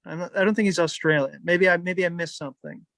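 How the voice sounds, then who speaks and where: A man's voice: high voice, fast, fairly bright tone, no echo. A man co-hosting a movie podcast, hesitating often as he gives his views. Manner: hesitant, many "um"s and "you know"s. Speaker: podcast co-host. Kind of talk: casual movie discussion.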